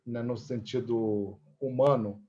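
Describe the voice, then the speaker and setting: A man with a Brazilian Portuguese accent, a theatre teacher and actor, explains things conversationally as an interview guest, often adding little tag questions to check in. His mid-range voice is a little mellow with fairly even intonation and a slow pace, in a muffled recording.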